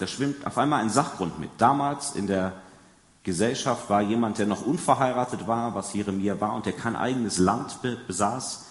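A man with a fairly low voice preaches a sermon, chatting with his congregation and putting questions to them. He sinks into quiet, soft emphasis on key words. The sound rings through a roomy church with a long, trailing echo. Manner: conversational, addresses congregation with questions. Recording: echoey hall with long reverb.

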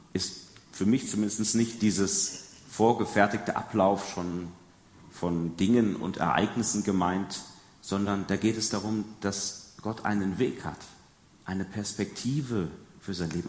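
A man with a fairly low voice preaches a sermon, chatting with his congregation and putting questions to them. He sinks into quiet, soft emphasis on key words. The sound rings through a roomy church with a long, trailing echo. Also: a little slow. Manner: conversational, addresses congregation with questions. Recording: echoey hall with long reverb.

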